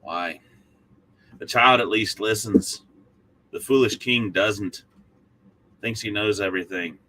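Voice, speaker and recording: A man teaching the Bible in a short devotional, speaking in a folksy, emphatic manner with pauses between short phrases. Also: fairly low pitch, pushed and bright, slight background noise.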